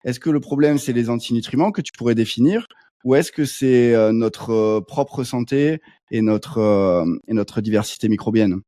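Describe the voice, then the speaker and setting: Hesitant man with a mellow voice. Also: mid-range voice, no room sound, clean studio sound. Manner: hesitant, full of pauses and fillers. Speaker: co-host asking questions. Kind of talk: casual questioning.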